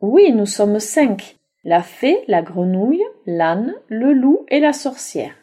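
A woman's voice: a little high, very animated, takes it slowly, warm tone, breathy edge, heavily acted. A woman voicing a group of small creatures, a fairy, a frog and friends, huddled inside a bagpipe, in a storybook reading. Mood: singsong.

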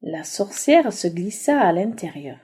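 A woman's voice: medium pitch, very noisy. A woman reading a children's story aloud as the storyteller. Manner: slow, lively intonation.

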